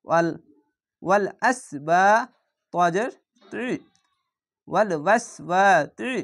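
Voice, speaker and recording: A man teaching Quran reading, patiently spelling out each letter and vowel mark and then drawing out the Arabic words slowly. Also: high-pitched. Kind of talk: spelling-out Quran recitation lesson.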